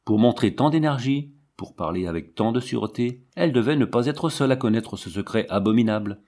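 A man narrating a classic novel as an audiobook in a dramatic, measured way. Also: mid-range voice, expressive, a little mellow.

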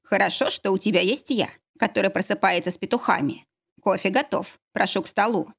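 A woman's voice: medium pitch, brisk, gravelly, slightly rough. A woman reading the lines of a cheerful, teasing young husband in an audiobook, in a playful, matter-of-fact way.

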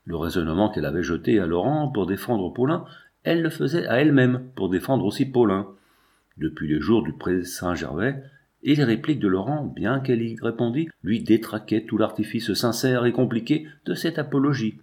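A man reading a novel aloud as narrator, in a measured, even way. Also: medium pitch. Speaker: audiobook narrator. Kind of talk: scripted literary narration.

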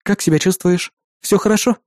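A man's voice: sits high, brisk, darkish tone, no echo, clean studio sound, natural voice. A man voicing a sly, teasing young woman partner in an audiobook. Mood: friendly. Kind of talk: audiobook character voice.

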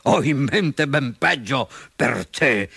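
A man's voice: mid-range voice, expressive, takes it slowly, vocal fry, pushed and bright, slightly rough, no room sound, clean studio sound, full character voice. Sly male fox, played by a man, gloating, chuckling, storybook.

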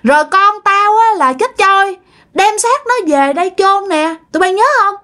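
A woman's voice: extremely high pitch, lively intonation, moderate pace, pushed and bright, pitched above the performer's own voice, exaggerated voice. A woman storyteller voicing the jealous, spiteful ghost of a dead older man, taunting and menacing.

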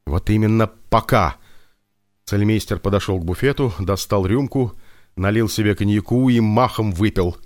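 A man reading a story aloud in a measured, even manner. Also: on the low side, no room sound. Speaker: narrator. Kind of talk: audiobook narration. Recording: dry close audiobook with faint music.

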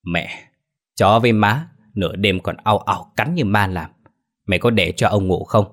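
A man's voice: fairly low pitch, moderate pace, a bit bright. A man voicing a grumpy old village man who curses and scolds, in an audio ghost story. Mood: angry scolding. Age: older. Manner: gruff, cursing.

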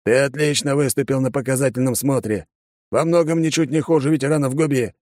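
A man voicing a blunt, commanding older army colonel with a gravelly, barking delivery. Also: medium pitch, a little fast, darkish tone, no room sound, studio quality, pitched above the performer's own voice, close to an everyday voice. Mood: gruff.

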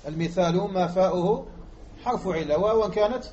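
A man from Algeria teaching Arabic morphology as a lecture, repeating example words slowly and quizzing his listeners. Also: high voice, dark tone, a little hiss or hum. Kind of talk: classroom lecture explaining grammar. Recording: muffled lo-fi recording.

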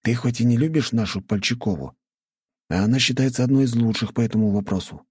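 A man's voice: medium pitch, quick pace, darkish tone, breathy edge, no echo, clean studio sound, voice pushed up, close to an everyday voice. A man reading a cheerful, teasing teenage boy prince, a schoolmate, for an audiobook.

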